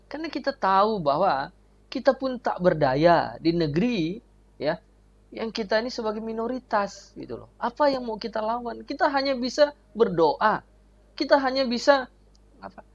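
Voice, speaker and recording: A man hosting his channel as an evangelist, commenting earnestly on a video and leaning on tag fillers. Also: high-pitched. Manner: earnest, leans on tag fillers like ya and gitu loh. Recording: dull lo-fi sound.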